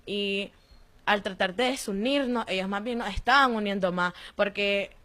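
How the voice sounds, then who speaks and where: A young woman with a Nicaraguan accent giving a personal testimony in an interview, telling her story in a lively way and acting out the voices of the people she quotes. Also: medium pitch, normal speed. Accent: Nicaraguan Spanish. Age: young adult. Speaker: interviewee, former detainee.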